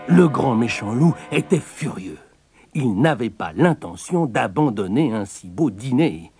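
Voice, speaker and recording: Male storyteller, animated pitch, fairy tale read-aloud, faint music behind. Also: a little slow. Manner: lively expressive storytelling.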